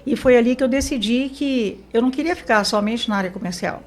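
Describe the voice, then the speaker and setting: A woman from Mozambique speaks as a guest on an interview show. Her voice sits fairly high. She tells her story in a relaxed way, with fillers and self-corrections. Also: brisk. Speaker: business consultant guest. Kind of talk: interview conversation.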